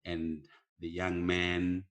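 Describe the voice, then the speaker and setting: Slow, deep-voiced Zimbabwean man. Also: completely flat delivery. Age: middle-aged. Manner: slow, hesitant, many pauses. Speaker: guest. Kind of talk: casual podcast interview.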